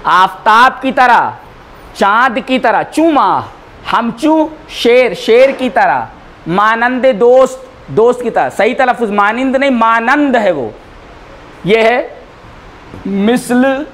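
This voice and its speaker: A man teaching a class in a lecture style, repeating words slowly for students to write down. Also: very high voice, animated, fairly bright tone, slight background noise. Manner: slow, repeats words for dictation. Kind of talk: classroom lecture, dictating notes.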